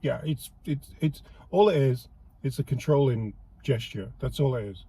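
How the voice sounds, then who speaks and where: A man's voice: mid-range voice, moderate pace, warm tone, husky. A man from the United Kingdom with a British accent, hosting a casual political commentary show, heated and sarcastic, stumbling and repeating words as he goes. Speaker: host.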